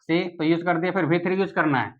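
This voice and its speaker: A man teaching an English grammar lesson, asking the viewer questions and saying English examples slowly. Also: a little high, phone-quality sound.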